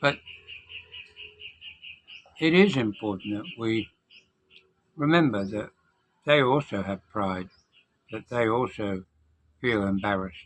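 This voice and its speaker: A man with missing teeth gives an unscripted, reflective advice monologue as a vlogger, speaking in a measured way with deliberate pauses. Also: lowish voice, a little hiss or hum, poor audio.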